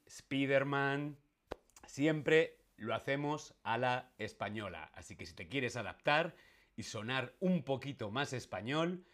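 A male teacher from Spain streams a live language lesson in a mid-range, slightly bright voice. He speaks slowly and playfully, pronouncing words with care and asking his audience questions.

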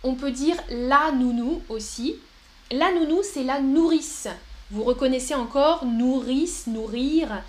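High-voiced woman teaching French. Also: a little mellow. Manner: slow and clear, repeats words, puts on a babyish voice for examples. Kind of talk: live-stream language lesson.

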